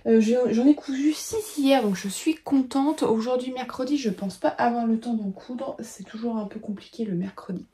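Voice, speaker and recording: Mellow-voiced woman chatting about her day. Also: a little high, moderate pace, hardly any pauses, a little hiss or hum. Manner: chatty, many filler sounds, thinks aloud. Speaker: knitting vlogger and pattern designer. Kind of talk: casual chat to camera. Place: home at a desk, lit by a lamp.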